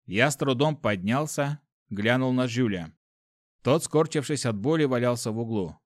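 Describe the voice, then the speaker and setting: A man reading a first-person adventure story aloud in a steady storytelling voice. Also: medium pitch, moderate pace, no echo, clean studio sound. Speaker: audiobook narrator. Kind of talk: first-person fiction narration.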